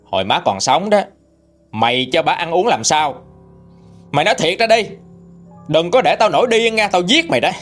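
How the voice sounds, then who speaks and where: A man's voice: high-pitched, lively intonation, normal speed, long pauses, fairly bright tone, soft background music, voice pushed up. A man voicing a middle-aged husband with a Southern Vietnamese accent, threatening in rage and pleading in remorse. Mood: furious.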